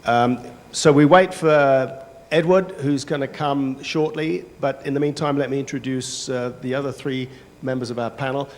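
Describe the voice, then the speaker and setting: Relaxed male moderator in a reverberant hall. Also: mid-range voice. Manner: relaxed, conversational, many "uh" pauses. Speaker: panel moderator. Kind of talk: moderating a conference panel. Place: large indoor conference hall. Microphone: handheld microphone.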